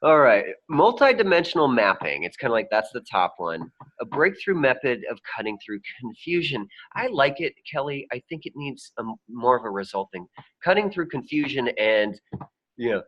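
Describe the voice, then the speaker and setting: A man's voice: medium pitch, very animated, normal speed, muffled recording. A man coaching authors on a group video call, scoring chapter titles with enthusiasm. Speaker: book coach leading a group review.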